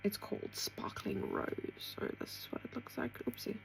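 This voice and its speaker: A woman chatting casually through a makeup tutorial, talking to herself as she works and dropping into soft asides. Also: moderate pace, slight background noise, low-quality recording. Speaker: beauty vlogger.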